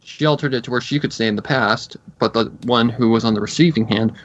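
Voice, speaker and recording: A man's voice: medium pitch, fast. A man chatting casually in commentary, explaining plot details at length. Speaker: co-host reviewing a cartoon episode. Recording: dull lo-fi recording.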